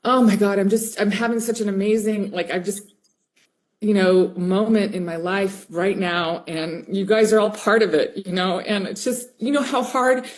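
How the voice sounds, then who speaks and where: A woman's voice: mid-range voice, normal speed. A woman teacher on a video call, talking in a rambling, raw and heartfelt way. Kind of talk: emotional casual chat.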